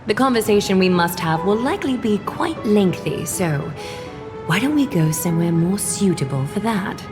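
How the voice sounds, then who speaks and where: In scripted video game dialogue over game music, a woman voices a poised, courteous noblewoman leader, gracious and composed. Her medium-pitched voice is animated yet close to an everyday one, and her delivery is formal, measured and softly commanding.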